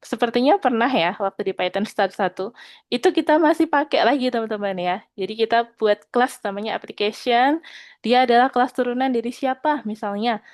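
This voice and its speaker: A woman teaching an online programming lesson. She speaks patiently, keeps checking in with her students, and slows down when she reads out code. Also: a little high, a little mellow, dry recording.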